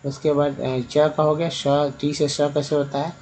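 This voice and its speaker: A man's voice: fairly high pitch, flat delivery, moderate pace, a little mellow, rough recording. A man teaching English reading over slides, patiently spelling words letter by letter and asking then answering his own questions. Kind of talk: spoken lesson over slides.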